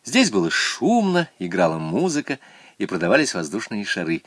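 A man reading a children's story aloud in an animated, expressive way. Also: fairly low pitch, moderate pace, breathy edge, no echo.

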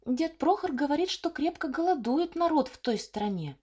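A woman voicing an earnest village girl in a storybook reading, eager and lively as she tells a tale. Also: sits high, normal speed, voice pushed up.

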